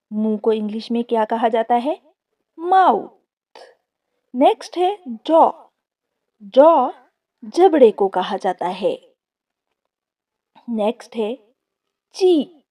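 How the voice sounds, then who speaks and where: Woman w urdu accent teaching vocab, slow and careful, repeats every word, kinda far from the mic. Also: fairly high pitch, warm tone. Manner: repeats each word, careful drawn-out pronunciation.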